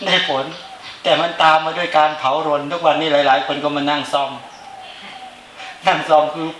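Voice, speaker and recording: A man's voice: on the high side, steady tone, normal speed, fairly bright tone, a little hiss or hum. A male Buddhist monk giving an informal dharma talk, speaking conversationally and often asking the listeners to agree with him. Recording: roomy echo with faint ambience.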